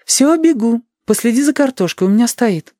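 A bustling, affectionate mother with a raised, lively voice, as a man reading the story puts her on. She chatters quickly from one errand to the next, in a dry close recording. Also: very high-pitched, no echo, voice pushed up. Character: tired caring middle-aged mother, brisk.

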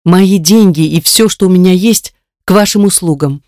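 A reader voicing a kind, generous woman who calmly reassures her grieving friend in an audiobook. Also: mid-range voice, normal speed, dry recording, studio quality, close to an everyday voice. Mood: reassuring. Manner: soothing, reassuring. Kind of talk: audiobook character reading.

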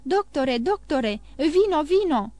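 A woman voicing a stern middle-aged male magistrate, shouting demands in alarm. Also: high-pitched, lively intonation, no room sound.

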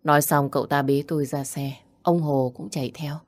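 A woman's voice: deep voice, fairly quick, dry recording. A woman narrating a dramatic first-person audio story. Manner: dramatic, steady telling. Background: faint music.

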